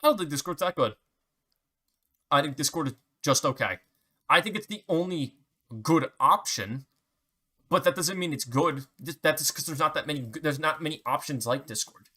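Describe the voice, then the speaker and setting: A young male vlogger rants casually to camera, swearing often, rambling, and restarting his sentences again and again. His voice is on the high side and sharp, with lively intonation at a moderate pace.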